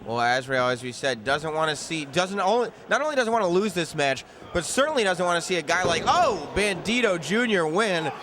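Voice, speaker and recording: A man's voice: high-pitched, animated, a little fast, few pauses, a bit bright. A man giving color commentary on live wrestling, with conversational, analytical asides. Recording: noisy live event background.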